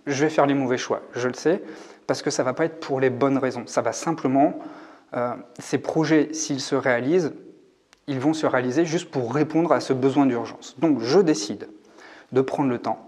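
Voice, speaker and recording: A man in his forties, a coach talking to camera in a reflective, hesitant way, often pausing to think aloud. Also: mid-range voice, darkish tone. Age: 40s. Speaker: YouTube coach on hypersensitivity. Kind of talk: casual talk to camera. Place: rented room.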